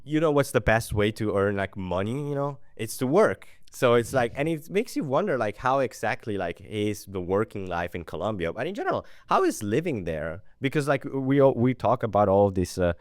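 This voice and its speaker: A male co-host in a chatty, expressive conversation. His voice sits a little low and sounds clean and smooth, recorded dry and close. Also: normal speed, few pauses, dry recording. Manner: expressive, chatty, many fillers. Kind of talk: casual podcast chat.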